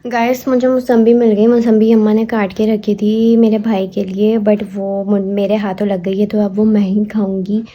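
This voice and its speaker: A woman's voice: mid-range voice, flat delivery, moderate pace, few pauses, muffled recording. A young woman chatting casually to her viewers in a vlog, often slipping English words into her talk. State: tired and out of breath. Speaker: vlogger.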